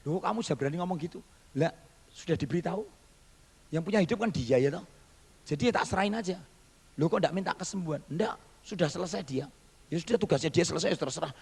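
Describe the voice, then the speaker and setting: Husky animated preacher in a hall. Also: male voice, medium pitch. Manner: animated storytelling, acting out quoted voices. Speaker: pastor. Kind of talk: sermon testimony.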